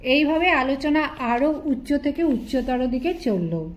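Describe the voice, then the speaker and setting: High-voiced woman audiobook narrator. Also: unhurried. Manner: steady, literary storytelling. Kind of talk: scripted narration.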